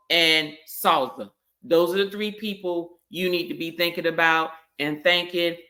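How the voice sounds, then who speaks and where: Chatty woman doing a tequila tasting vlog, rambles a lot, bright kinda low voice. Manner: chatty, colloquial, rambling storyteller. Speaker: host reviewing spirits. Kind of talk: casual tasting review vlog.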